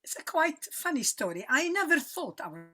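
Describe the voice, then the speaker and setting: A woman with a Lebanese accent talks in a relaxed interview. Her voice is crisp and bright, sitting a little high. She is expressive and good-humoured and laughs easily. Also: brisk. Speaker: guest, cookbook author. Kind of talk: casual interview chat.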